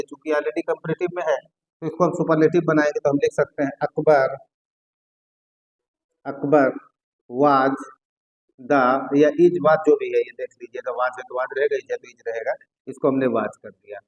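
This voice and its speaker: A man teaching an English grammar lesson, often repeating key words slowly as he writes them on the board. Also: on the high side, level tone, a little mellow, poor audio.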